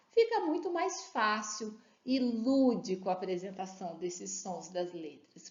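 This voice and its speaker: A woman, a literacy educator giving an animated lesson. She asks the listener questions and slows down to sound words out syllable by syllable. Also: medium pitch. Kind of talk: instructional talk to teachers and parents. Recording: roomy, slightly muffled recording.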